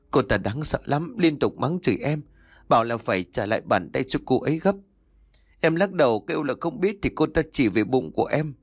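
A man voicing a young pregnant wife who is fierce and terrified, with a shrill, pleading manner. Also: no room sound.

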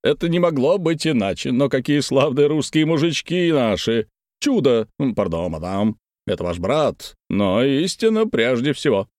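A man voicing a fussy, excitable middle-aged nobleman who talks in a shrill, badgering way in an audiobook. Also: normal speed, no echo, studio quality, close to an everyday voice. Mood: indignant. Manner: shrill, badgering, high-pitched.

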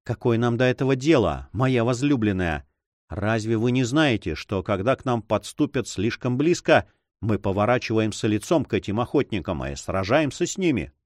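A man's voice: medium pitch, very animated, moderate pace, no room sound, studio quality, lightly acted. A man reading an audiobook, voicing a passionate young man who speaks fervently and pleadingly. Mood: ardent.

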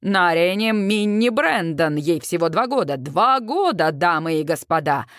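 A woman's voice: fairly low pitch, animated, normal speed, dry recording, studio quality, voice pushed down, lightly acted. A woman reading an audiobook, voicing a showy male rodeo announcer who calls the action to the crowd. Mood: announcing.

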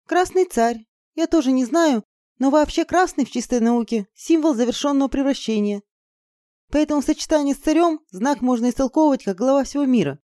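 A woman's voice: high-pitched, a little fast, dark tone, no room sound, clean studio sound, voice pushed up, natural voice. A woman voicing an anxious, fearful young sorceress in an audiobook, her lines pleading and panicky. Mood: explaining.

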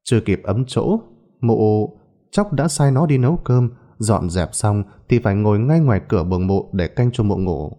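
Expressive man telling a ghost story. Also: on the low side, moderate pace. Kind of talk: scripted ghost story narration.

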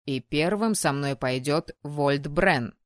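A woman voicing a stern, authoritative male university dean who makes formal, measured announcements in an audiobook. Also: low-pitched, no echo, studio quality, pitched below the performer's own voice. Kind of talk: audiobook character voice.

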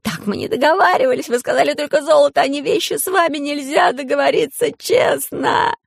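Man doing a high, shouting pygmy, shrill, greedy, treacherous, storybook figure, dry sound. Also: racing, gravelly, no echo. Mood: furious. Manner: shrill yelling, pleading.

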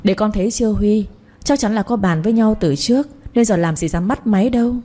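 A woman voicing a sharp-tongued older mother-in-law who scolds and nags in a raised voice. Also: fairly quick, lightly acted. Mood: scornful. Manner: shrill, scornful, nagging.

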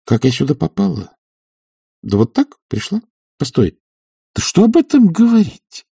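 A man's voice: a little high, huge pitch swings, normal speed, gravelly, mellow, slightly rough, no room sound, clean studio sound, pitched above the performer's own voice, full character voice. A man reading aloud and voicing a playful, teasing young woman in love.

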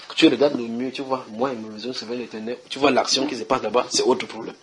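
A man's voice: mid-range voice, fairly even intonation, fast, crowd noise. A man preaching at a house church, reading Bible verses and questioning his listeners in a conversational way.

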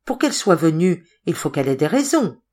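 This is a worried older woman weighing what to do, as a woman reading aloud puts her on. She sounds anxious and careful, voiced close to the reader's own low-pitched tone. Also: big pitch swings, a little fast, a little mellow.

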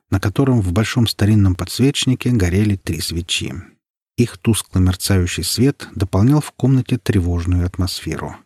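A man narrating an audiobook in a measured, ominous storytelling manner. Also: sits low, darkish tone, husky, dry recording, clean studio sound.

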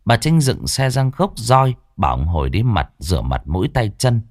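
A man narrating a scripted ghost story with dramatic, drawn-out slowdowns. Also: lowish voice, sing-song, dry recording, clean studio sound.

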